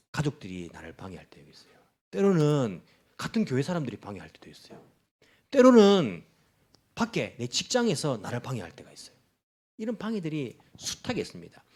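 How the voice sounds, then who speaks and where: A middle-aged male pastor delivers a Sunday sermon in a church, his voice rising and falling in wide, lively swings. He talks to the congregation directly, now and then slipping into scornful voices to act out people who mock the faithful. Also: on the high side. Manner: animated preaching, acts out mocking voices of opponents. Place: church in Tokyo.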